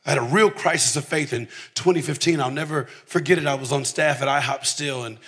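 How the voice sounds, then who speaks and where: A preacher from the southern United States gives his testimony as a conversational sermon, candidly telling personal stories and repeating phrases for emphasis. His voice is fairly high, fairly quick, a bit bright and husky.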